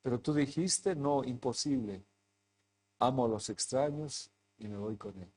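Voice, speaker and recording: A man, a pastor, tells a personal story in a sermon, acting out the dialogue, and rises into forceful preaching. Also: mid-range voice, a little slow. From Bolivia.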